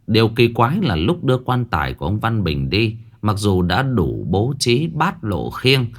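A man narrating a scripted ghost story in a dramatic storytelling manner, dropping his voice low for the eerie parts. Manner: dramatic, lively storytelling with sudden hushed drops.

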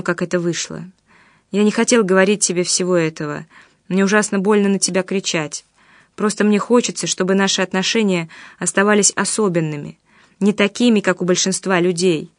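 A woman voicing a tormented young man who speaks low, hushed and intensely. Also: dry recording, studio quality, lightly acted.

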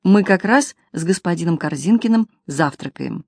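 Lady reading a giggly chatterbox woman, rattling on, lowish, dry sound. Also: expressive, breathy edge, no room sound. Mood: chatty. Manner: fast chattering. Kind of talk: audiobook character reading.

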